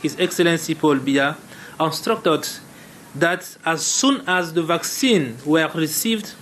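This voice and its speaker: A man with a Cameroonian accent delivering a formal, halting prepared statement as a government health official. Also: a little high, fairly bright tone, a little hiss or hum.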